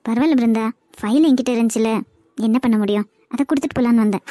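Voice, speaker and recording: A woman's voice: on the high side, fast, dark tone, no echo, studio quality, lightly acted. A woman voicing a frightened young widow in a cartoon, flustered but refusing firmly, with a Kanyakumari Tamil accent. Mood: scared, firm. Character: frightened young widow, new office worker. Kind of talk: cartoon web series dubbing.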